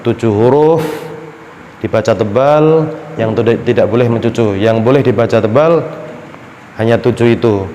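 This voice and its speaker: A man teaching Quran recitation in a tajweed lesson with an Indonesian accent, slowly drawing out each syllable as he demonstrates. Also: medium pitch, warm tone, lo-fi sound. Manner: slow, drawn-out syllable-by-syllable demonstration. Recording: roomy hall with long reverb, faint background hum.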